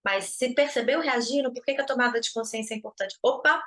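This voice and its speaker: A woman's voice: fairly high pitch, quick pace, fairly bright tone, rough recording. A woman with a Brazilian Portuguese accent hosting a live stream of advice, talking casually and acting out everyday dialogues. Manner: chatty, uses many tag questions and acts out everyday dialogues. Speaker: host of a self-development live stream. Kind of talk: conversational advice talk.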